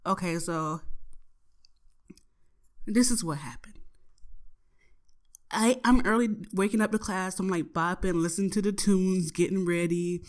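A young woman telling a story from her day in a casual, profane and exasperated way, with lots of swearing. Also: mid-range voice. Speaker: podcast host.

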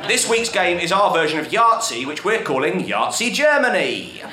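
A man's voice: sits high, very animated, normal speed. A man hosting a comedy game show with wry, mock-official announcements. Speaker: comedy quiz host. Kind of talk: live comedy podcast hosting. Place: live venue with audience. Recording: echoey live venue with loud noise.

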